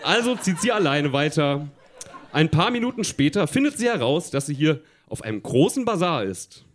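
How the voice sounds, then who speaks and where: A man's voice: fairly high pitch, sing-song, normal speed. A man on a live stage reading aloud his own childhood story, amused and laughing along. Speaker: reader at a live reading show. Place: live stage before an audience.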